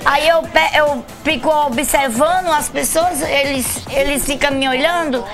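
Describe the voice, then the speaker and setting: A woman's voice: high voice, measured pace, over music. A woman guest on a live TV talk show, talking in a rambling, playful, joking way. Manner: rambling, playful, claims to be from another planet. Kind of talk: comic live TV interview.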